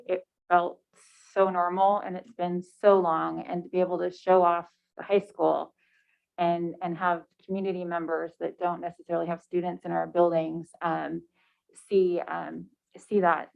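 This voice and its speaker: A woman runs a public board meeting with a low, gravelly voice. She calls on each member in turn in a brisk way. The sound is dull and muffled. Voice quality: creaky, gravelly. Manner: brisk, calls on speakers one by one, then chats. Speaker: school board chair. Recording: muffled meeting-room audio.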